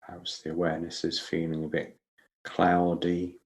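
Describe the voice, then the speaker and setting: A man leading a guided breath counting meditation as a teacher, speaking in a slow, measured, instructional way with pauses. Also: sits low, completely flat delivery.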